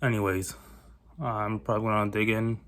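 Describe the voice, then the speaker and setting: A man vlogging casually, a bit sick and husky, rambling as he walks out and back home with a handheld camera. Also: fairly low pitch, level tone, moderate pace, fairly bright tone. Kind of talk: casual vlog chat. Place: walking outdoors and at home.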